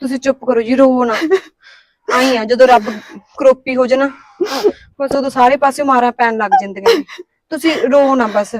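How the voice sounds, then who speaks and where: A young woman plays a kind, devout daughter-in-law who stands her ground with quick, earnest talk. Her voice is high and rapid. The sound is close and dry. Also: no room sound, natural voice. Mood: soothing. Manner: quick, earnest, talks back when pushed. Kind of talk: amateur short-film acting.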